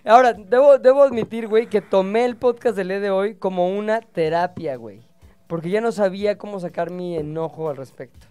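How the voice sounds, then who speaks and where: A high-voiced Mexican man hosts a casual podcast, joking crudely and flaring up into loud bursts. His voice comes through smooth and clear, with faint music underneath. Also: brisk. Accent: Mexican Spanish. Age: adult father. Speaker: podcast host.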